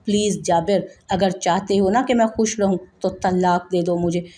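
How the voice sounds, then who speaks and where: A woman's voice: mid-range voice, fairly even intonation, moderate pace, dark tone, a little hiss or hum, natural voice. A woman voicing a heartbroken young wife who sobs and pleads yet stands firm, in a narrated audio novel. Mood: tearful defiant.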